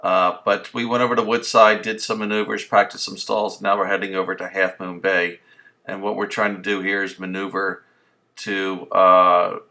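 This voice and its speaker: A man's voice: deep voice, level tone, moderate pace, sharp tone. A man who is a student pilot, casually explaining his flight in a voice-over. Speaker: student pilot, vlog host.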